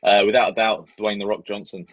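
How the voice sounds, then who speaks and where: A man's voice: on the low side, little pitch movement, fairly quick, dry recording, muffled recording. A man, a personal trainer, giving short easygoing answers as a podcast guest, often starting with "uh". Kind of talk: casual interview answers.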